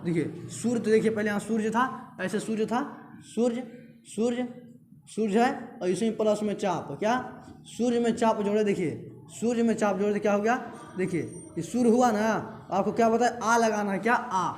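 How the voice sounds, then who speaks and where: A man's voice: high voice, fairly even intonation, normal speed, a little mellow. A man teaching a lecture class, often repeating terms and asking and answering his own questions. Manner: repetitive drilling, asks and answers own questions. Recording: echoey room, faint background hiss.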